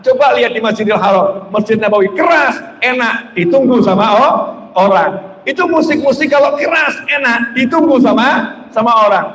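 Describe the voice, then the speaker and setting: A man preaching an Islamic sermon for a live stream, lively, sometimes chanting prayers and mimicking shouting. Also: sits high. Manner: lively, rises loud when mimicking shouting, chants zikir. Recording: echoey hall with faint noise.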